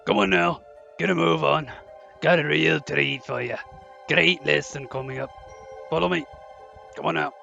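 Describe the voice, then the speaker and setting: Hagrid, a very gravelly, hearty gamekeeper. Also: male voice, a little high, fairly even intonation, moderate pace, long pauses, pushed and bright, highs cut off, faint music behind, full character voice. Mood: hearty, rallying. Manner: folksy, rustic, encouraging. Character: big hearty gruff gamekeeper teaching class, eager, protective.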